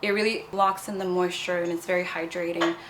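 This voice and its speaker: Audio quality is poor, with a little hiss or hum, as this young cosmetics founder from Nepal chats through an interview. She speaks fairly quickly in a fairly low, steady, fairly bright voice, bubbly and full of fillers like "you know."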